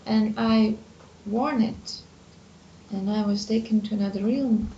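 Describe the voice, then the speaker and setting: A woman's voice: medium pitch, fairly even intonation, unhurried, warm tone. A woman with a non-native accent plays a tabletop game, asking curious questions with small hesitations. Her voice sounds roomy and a bit dull. Faint noise runs underneath. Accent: non-native English. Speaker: player. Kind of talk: casual tabletop play in character.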